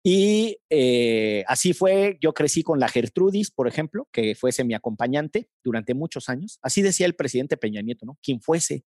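A man with a Mexican accent telling a comic anecdote in casual chat, animated and quick to laugh. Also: medium pitch, no room sound, studio quality. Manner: animated, laughs often, acts out voices in anecdotes. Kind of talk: casual comedic storytelling.

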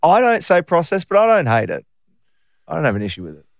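A man's voice: on the high side, huge pitch swings, fast, gravelly, dry recording, studio quality. An Australian man hosting a podcast, easygoing, chiming in briefly. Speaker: podcast host. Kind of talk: casual podcast chat.

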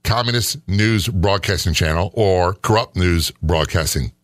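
A man's voice: low voice, measured pace, dry recording, clean studio sound. A middle-aged man co-hosting a casual chat, skeptical and sarcastic, often rambling. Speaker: podcast co-host.

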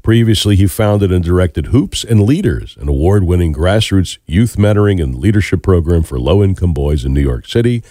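A man co-hosting a weekly radio show, speaking in a measured announcer manner as he reads a guest's bio. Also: sits low, expressive, warm tone, no echo, clean studio sound.

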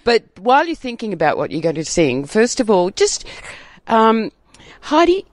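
A woman's voice: a little high, sing-song, normal speed, dry recording. A woman hosting a casual interview, chatty and stumbling over her words. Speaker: radio host.

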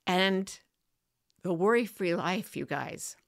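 A woman hosting a casual, personal talk for an online audience, chatty and informal, with an animated, emphatic delivery that addresses listeners familiarly. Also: fairly low pitch, takes it slowly, gravelly. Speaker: host of a weekly broadcast.

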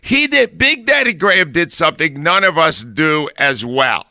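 Emphatic male radio host, lively delivery, sharp tone. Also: on the high side, normal speed, no echo, studio quality. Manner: animated, emphatic. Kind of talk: on-air tribute talk.

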